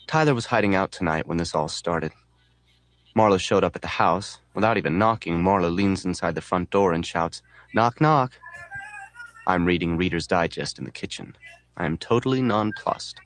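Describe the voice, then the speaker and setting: A man narrating an audiobook in a deadpan, wry tone. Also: low voice, a little fast. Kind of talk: scripted narration.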